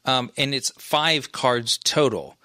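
A man co-hosts a laid-back gaming podcast and works through his points with frequent restarts and fillers. His voice sits at an ordinary pitch and is recorded close and dry, with no room sound. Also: lively intonation, slow, sharp tone, no echo. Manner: rambling, many restarts and fillers. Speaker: podcast co-host. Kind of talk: casual esports chat.

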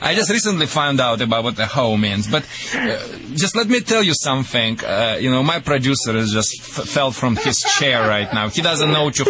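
A man from Russia with a Russian accent hosts a radio call-in show, giving jokey dog-training advice in halting English with repeated words. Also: medium pitch, very animated, a crowd in the background, low-quality recording.

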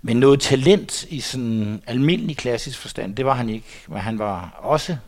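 A man's voice: medium pitch, lively intonation, a little mellow. A man in his sixties, a guest in a studio interview, looking back on the past with lots of hesitations. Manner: hesitant, many fillers and restarts. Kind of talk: reminiscing interview talk.

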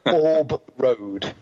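Man co-hosting radio, very animated pitch. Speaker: radio show co-host. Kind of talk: casual paranormal radio talk. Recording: dull lo-fi audio.

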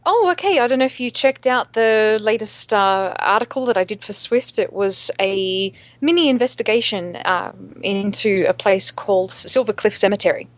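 A woman co-hosting a podcast in casual chat, halting as she searches for her words. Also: medium pitch, no echo. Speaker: podcast co-host.

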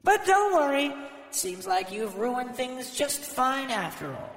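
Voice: high voice, sing-song, takes it slowly, a bit bright, echoey room, in a large hall, voice pushed up, heavily acted. A storyteller voicing a haughty, scornful goddess who talks down to a mortal. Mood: mocking. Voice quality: mocking, condescending. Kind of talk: storytelling podcast voice acting.

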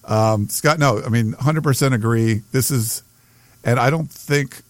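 American guy on a sports podcast, mid pitch, kinda hesitant, loops back on phrases, dry room. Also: a little slow, no echo. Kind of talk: casual sports chat.

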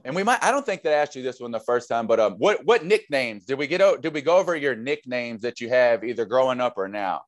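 A man's voice: mid-range voice, lively intonation, fast, few pauses, no room sound. A young man hosting a casual podcast interview, friendly and loose with many fillers. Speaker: podcast host.

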